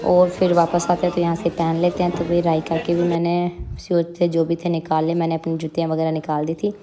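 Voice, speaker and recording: A woman's voice: on the low side, monotone, a little fast, crowd noise. A young woman telling viewers about a trip in a chatty, casual vlog narration. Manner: chatty, addresses viewers as guys. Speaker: vlogger.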